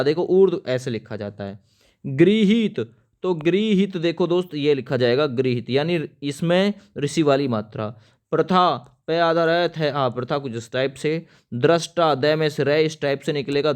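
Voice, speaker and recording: A man with a smooth, clear voice pitched a little high gives a spelling lesson for exams. He spells each word out piece by piece as he writes it and keeps stressing which ones matter. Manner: spells words out letter by letter while writing; addresses viewers as friends, stresses importance. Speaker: teacher. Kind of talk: exam-prep spelling lesson.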